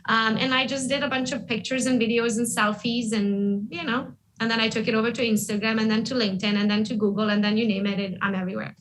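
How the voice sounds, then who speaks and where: Lively, candid woman with a raised voice. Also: on the high side, fast talker, few pauses, poor audio. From Romania. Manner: candid and lively, often adding "right?". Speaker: guest, real estate agent. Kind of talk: casual interview talk.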